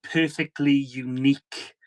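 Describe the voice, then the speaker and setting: A man hosting a spiritual conversation over a video call, warmly affirming his guest. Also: mid-range voice, steady tone, slow. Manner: warmly affirming, often agrees. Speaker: host.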